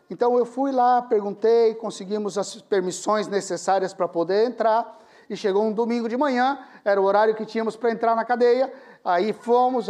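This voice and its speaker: A middle-aged male pastor telling a story in a sermon, animated and laughing at his own tale. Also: sits high.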